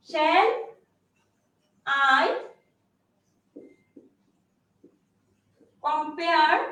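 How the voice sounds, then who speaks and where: A woman teaching English literature as a classroom lecture, explaining step by step and often checking that students follow. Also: high voice. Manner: explains slowly, checks understanding with repeated questions. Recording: echoey room, voice from far off.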